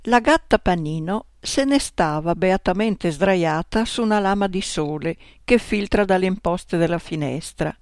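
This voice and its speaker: A woman narrating a playful storybook tale in an unhurried way. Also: fairly low pitch, expressive, a little mellow, no room sound, clean studio sound. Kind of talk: storybook reading.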